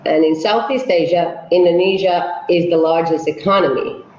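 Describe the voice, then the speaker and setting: A woman's voice: on the low side, fairly even intonation, moderate pace, darkish tone, slight background noise. Woman from Finland hosting a webinar. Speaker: webinar host, operations manager. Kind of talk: presenting a webinar. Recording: echoey, dull webinar audio.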